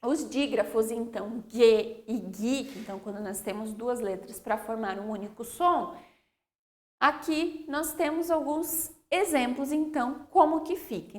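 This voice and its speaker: A woman teaching young children spelling, drawing out each example word slowly and checking in with "ok?". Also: fairly high pitch. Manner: slow, drawn-out word-by-word dictation with frequent "ok?" checks. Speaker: primary school teacher.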